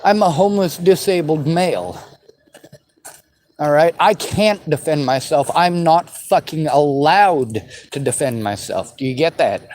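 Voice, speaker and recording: A man's voice: on the high side, lively intonation, measured pace, darkish tone, a little hiss or hum, poor audio. A man in his forties from the western United States, talking bitterly and swearing as he answers viewer questions on his vlog. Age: 40s. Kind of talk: angry unscripted monologue.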